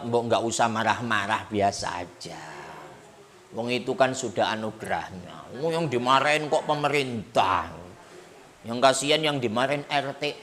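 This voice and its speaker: A man's voice: medium pitch, a bit bright. A male preacher giving a humorous sermon to a women's gathering, chatty and joking as he speaks directly to his listeners.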